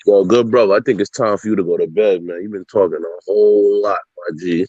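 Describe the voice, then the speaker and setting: A man's voice: deep voice, steady tone, a little fast, dark tone, husky, no echo, dull audio. A man with a Brooklyn accent bantering casually in street slang, teasing and repeating himself as he cuts in. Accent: Brooklyn, New York. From Brooklyn, New York, USA. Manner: repetitive, teasing, interjecting.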